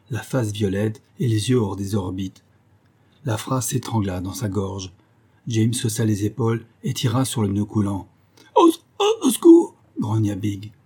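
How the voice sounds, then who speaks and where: A man narrating an audiobook in a steady, measured reading. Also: lowish voice, slightly rough.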